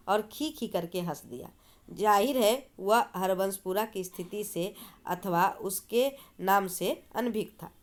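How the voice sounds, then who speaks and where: A woman teacher reading a story aloud and explaining it, asking and answering her own questions. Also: medium pitch. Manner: explanatory, asks and answers herself.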